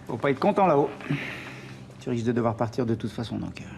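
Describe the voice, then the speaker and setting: A man's voice: mid-range voice, animated, fast, gravelly, darkish tone. An actor playing a blunt, sceptical police group leader in a TV crime drama, pressing his points. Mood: matter-of-fact. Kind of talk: naturalistic TV crime drama acting. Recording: TV soundtrack with background ambience noise.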